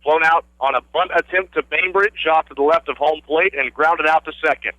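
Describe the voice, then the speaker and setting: A radio announcer gives live baseball play-by-play from his outdoor broadcast spot at the ballfield, using short, descriptive phrases. He speaks fairly quickly in a somewhat high, sharp voice with a steady tone, and the recording is dry and dull.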